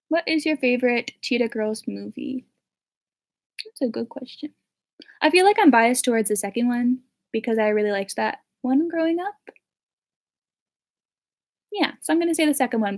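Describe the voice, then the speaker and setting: A woman's voice: a little high, darkish tone. A young woman in her late teens answering viewer questions in a casual chat, with lots of "like" and "um" fillers. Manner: chatty, full of "like" and "um" fillers.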